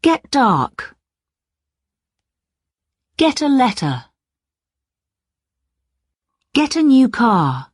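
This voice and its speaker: A woman reading short vocabulary phrases one by one, deliberately, for an English lesson. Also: sits high, very animated, husky, no echo, studio quality.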